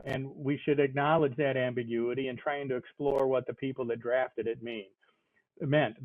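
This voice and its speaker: An older man giving a measured, explanatory talk on constitutional law over a call, pausing often with fillers. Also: medium pitch, no room sound. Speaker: speaker, constitutional law scholar. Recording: tinny phone-like call audio.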